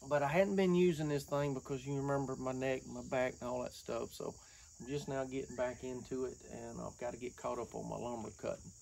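Folksy man with a gravelly voice. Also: mid-range voice, little pitch movement, brisk, darkish tone, slight background noise. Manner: folksy, rambling, drawling with y'all. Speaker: woodworking vlogger. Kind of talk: casual chat to camera. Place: outdoors under an open sawmill shed, insects around.

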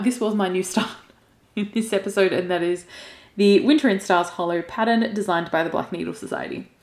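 A woman's voice: medium pitch, reverberant, a little hiss or hum. A woman chatting casually as she unboxes craft goods, gushing, emotional and laughing often. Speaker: cross stitch vlogger.

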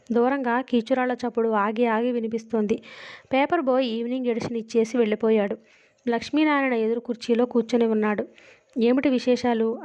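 A woman narrating a novel as an audiobook, reading every character in her own steady, unhurried voice. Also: a little high, dull audio.

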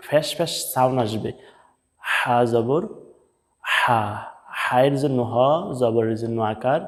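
Male Quran reading teacher, mid-pitched, patient syllable drills, recorded in a room with a long echo tail. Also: darkish tone. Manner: repeats syllables slowly, explains mouth and breath placement. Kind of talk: step-by-step pronunciation lesson.

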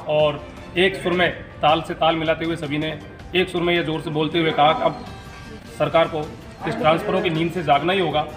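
A man's voice: high voice, roomy sound. Emphatic man, with music behind. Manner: emphatic, protesting. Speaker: teachers' union representative. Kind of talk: statement to a reporter.

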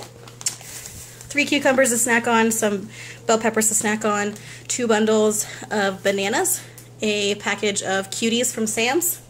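In her kitchen at home, a young female vlogger talks through her grocery haul, listing each item in a chatty way. The phone is held close, her pitch sits in the middle, and a bit of background noise comes through.

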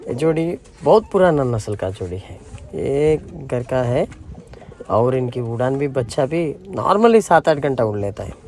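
A man's voice: medium pitch, dark tone, a little hiss or hum. Chatty man showing his pigeon loft. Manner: chatty, explaining to visitors. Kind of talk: casual vlog walkthrough. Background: pigeons cooing.

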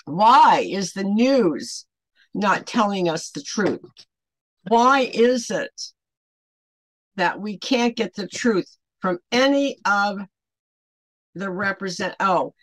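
A seventy-ish woman who hosts an online ministry gives a rambling, unscripted devotional talk to camera, emphatic and fond of rhetorical questions. Her mid-range voice is expressive and slow, with frequent pauses. She's in a small furnished room at home, and the audio is poor with no room sound.

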